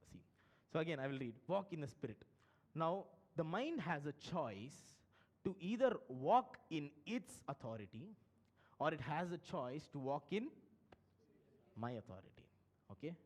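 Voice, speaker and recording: A man's voice: fairly high pitch, a little mellow. A man with a Telugu-tinged Indian English accent preaching a live sermon as pastor, firing questions at the congregation and acting out voices.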